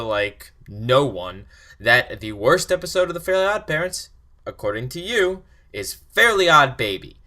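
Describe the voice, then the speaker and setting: Young guy around 20 ranting sarcastically about a cartoon ep, bright lively voice. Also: mid-range voice. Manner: exasperated, sarcastic complaining. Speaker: online cartoon reviewer. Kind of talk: ranting episode review.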